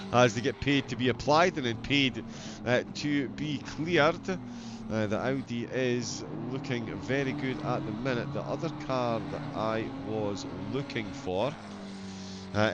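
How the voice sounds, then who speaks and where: A man's voice: medium pitch, dull audio, noisy background. A man with a broad Scottish accent giving live motorsport commentary in a wry, chatty, amused way. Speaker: sim racing livestream commentator.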